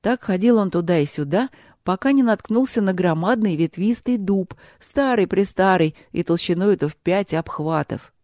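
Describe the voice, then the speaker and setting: A narrator reading a fairy tale aloud in an even, measured storytelling manner. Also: medium pitch, no echo, studio quality. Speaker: audiobook narrator.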